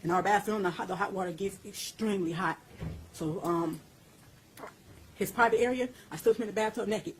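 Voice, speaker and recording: A woman with a mid-range voice answers interview questions briskly, pausing often, on a rough recording with a little hiss or hum. Her delivery is intense and blunt, full of coarse language, and climbs in pitch as she recounts things.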